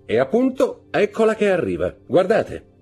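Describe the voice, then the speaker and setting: Audiobook figure: bitter, cold nobleman, sardonic and declamatory, husky edge; male narrator lifts his voice. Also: high-pitched, wildly swooping pitch, moderate pace, a little mellow, faint music behind, pitched above the performer's own voice, heavily acted. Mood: grave. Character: cold, bitter aristocratic count, middle-aged man.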